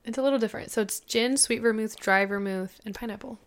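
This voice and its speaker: Giggly young woman with a higher voice. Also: fast talker. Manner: giggly, rambling, says "like" a lot. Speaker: podcast co-host. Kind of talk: casual chat.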